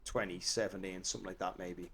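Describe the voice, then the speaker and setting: A man's voice: low voice, little pitch movement, fast talker, a bit bright, husky. An Irish man, an actor and comedian, chatting as a guest in a rambling, self-deprecating way. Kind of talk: casual interview chat.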